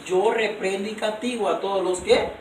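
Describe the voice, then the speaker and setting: A man's voice: high voice, steady tone, moderate pace. A man preaching a sermon, emphatic, often putting questions to his congregation and answering them himself. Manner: emphatic, asks the audience rhetorical questions. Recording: roomy, distant recording with faint noise.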